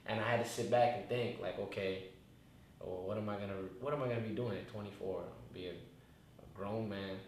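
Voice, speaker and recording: This rapper in his twenties has a lowish, steady voice and talks fairly quickly. As an interview guest he reflects casually on his story, laid-back and rambling, with plenty of restarts, while the very echoey room carries faint noise.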